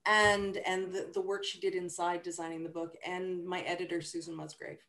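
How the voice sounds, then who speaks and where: A woman author on a video call, telling stories with dark humor in a lively, restarting way. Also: on the low side, normal speed, echoey room, a little hiss or hum. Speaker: author at a book launch. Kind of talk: casual interview chat. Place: virtual event from home.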